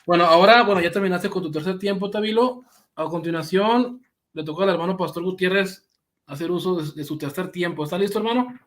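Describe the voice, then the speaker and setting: Male debate moderator, high voice, courteous, brief timekeeping. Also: a little fast, a bit bright.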